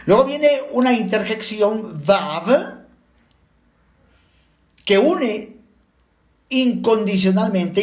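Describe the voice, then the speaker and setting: A man teaching the Bible slowly and deliberately, explaining word by word. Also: high voice, roomy sound.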